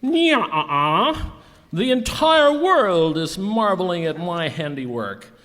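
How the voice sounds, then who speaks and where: A man's voice: high-pitched, big pitch swings, slow, a bit bright, heavily acted. A man playing a gloating evil lobster supervillain in an amateur live radio skit. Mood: gloating, menacing. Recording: echoey hall.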